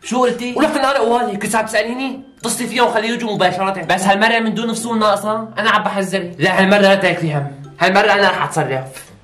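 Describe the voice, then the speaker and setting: A man's voice: high voice, steady tone, rapid-fire, a bit bright, roomy sound, distant mic, soft background music. A man doing a bossy, nagging mother. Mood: stern. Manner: scolding and threatening.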